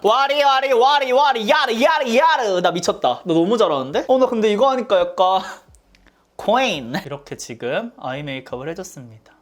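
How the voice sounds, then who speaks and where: A beauty vlogger chatting casually through a makeup tutorial, talking to themself and often breaking into surprised exclamations. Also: mid-range voice. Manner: chatty, talks to self, frequent surprised exclamations.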